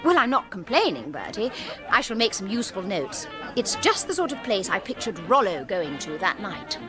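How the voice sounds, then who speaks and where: An actress playing an imperious, high-minded young upper-class English lady novelist in a comic radio drama, precise and commanding. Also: very animated, normal speed, music in the background, close to an everyday voice. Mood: dreamy.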